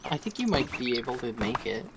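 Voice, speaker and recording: Male gaming sidekick, casual banter, expressive intonation, clear noise and clicks on the stream. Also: medium pitch, quick pace. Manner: playful, bantering. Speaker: co-commentator watching the game. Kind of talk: casual gameplay chat.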